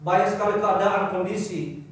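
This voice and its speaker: A man preaching a sermon as pastor, animated, acting out little dialogues and repeating phrases for emphasis. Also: sits high, normal speed. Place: church hall. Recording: very echoey church hall, mic at distance.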